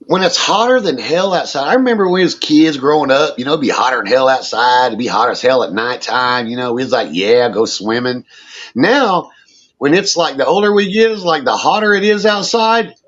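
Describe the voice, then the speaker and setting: A man's voice: a little high, animated, moderate pace, a bit bright. A man in his fifties chatting casually in a folksy way, swearing easily. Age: 50s. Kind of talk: casual chat. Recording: dull, muffled sound.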